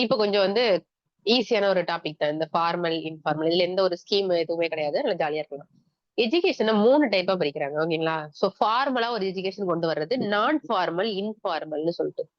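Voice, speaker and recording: Teaching an online exam-prep class in Tamil sprinkled with English terms, this Tamil-accented woman works through material step by step and quizzes her students. Her pitch is fairly low, and the recording is dry, muffled, lo-fi and echo-free.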